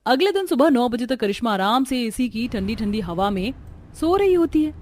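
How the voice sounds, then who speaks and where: A woman's voice: on the high side, sing-song, normal speed, darkish tone. Woman narrating a cartoon story.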